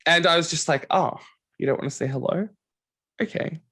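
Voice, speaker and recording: The young man hosting this podcast talks at a moderate pace in a slightly high voice, chatting casually and narrating stories with lots of energy and plenty of "like"s.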